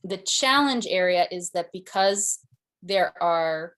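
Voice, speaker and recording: Lower-pitched woman answering questions. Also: expressive, slow, a bit bright. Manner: conversational, with fillers and restarts. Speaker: presenter. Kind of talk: conference Q&A answer.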